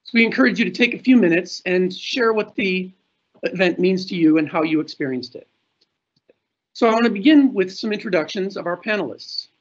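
A middle-aged man hosts a panel from an indoor room, speaking into a webcam. His voice sits high and sounds husky, and the video-call audio is a little muffled. He reads the introductions in a formal way. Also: fairly quick. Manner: formal, reading announcements. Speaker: panel moderator.

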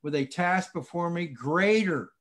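A man, interviewing in a halting, deferential way over a video call. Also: fairly high pitch, a bit bright. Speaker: interviewer, host. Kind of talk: conversational interview with read-out quotes. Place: indoor room, video call.

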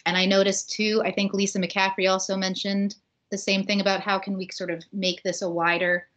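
A woman's voice: medium pitch, level tone, brisk, a bit bright. A woman from the United States speaking casually as a panelist in a webinar on a video call, with fillers and tag questions. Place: home room on a video call.

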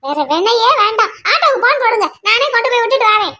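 A woman voicing an exasperated, sharp-tongued grandmother in a cartoon. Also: very high voice, expressive, fast talker, exaggerated voice. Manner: nagging, sarcastic.

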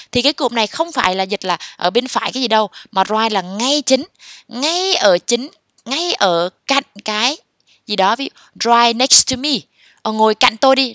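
A woman teaching English, encouraging and slowly repeating English phrases. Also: a little high, a bit bright, dry recording, clean studio sound. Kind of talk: explaining lesson in a voice-over.

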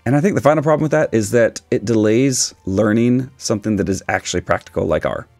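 A man in his forties with a raspy voice, giving a casual, opinionated explainer with dry humour. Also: fairly low pitch, quick pace, darkish tone, no room sound, faint music behind. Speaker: video host, statistics teacher. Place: small dim indoor room, seated.

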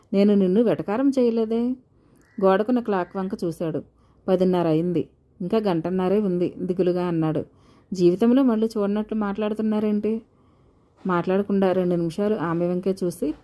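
Mellow-voiced woman reading a novel aloud. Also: lowish voice. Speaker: audiobook narrator.

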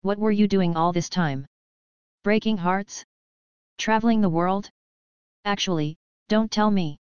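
A woman's voice: mid-range voice, measured pace, a little mellow, clear, resonant tone, no room sound, muffled recording, natural voice. A woman voicing a big, boisterous male mercenary with jokey, overfamiliar, menacing charm, in an audiobook story. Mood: breezy menace.

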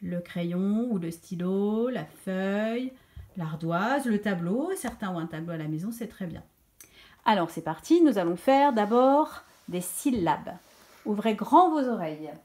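A woman teacher giving a slow dictation lesson to young children, repeating each syllable clearly with emphasis. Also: medium pitch, darkish tone. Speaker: primary school teacher.

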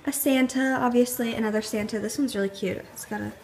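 A young woman chats through her home vlog in a slightly high voice. She rambles cheerfully, full of fillers and little asides. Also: steady tone, quick pace, a little mellow. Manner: chatty, upbeat, rambling with fillers. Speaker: vlogger. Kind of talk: casual vlog chat. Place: at home, indoors.

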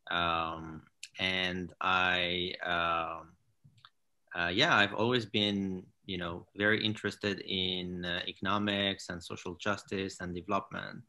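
A man in his thirties from Morocco, a founder talking in a casual interview over a video call from his living room, halting with many fillers and restarts. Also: low-pitched, flat delivery, bright, forceful tone. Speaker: founder and CEO, guest. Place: home living room with large window. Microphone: laptop or webcam on a video call.

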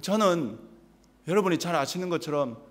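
A man from Busan with a Gyeongsang accent, preaching a sermon as pastor, telling humorous stories with animated mimicry. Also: on the high side, moderate pace. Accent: Gyeongsang Korean. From Busan, South Korea. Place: large church sanctuary. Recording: long church reverb.

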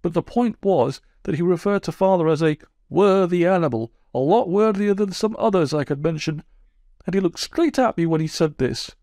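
A proud but easily wounded toad, high and whiny, sulking through every complaint as a man reads him. The voice has a gravelly edge and is recorded dry and close. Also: normal speed, darkish tone, no echo. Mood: aggrieved. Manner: sulky, wounded, plaintive. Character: self-pitying, touchy male toad, proud.

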